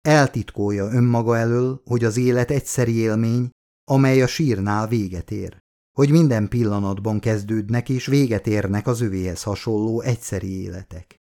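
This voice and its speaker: A man reading a literary novel aloud as an audiobook, with measured, expressive first-person narration. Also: lowish voice.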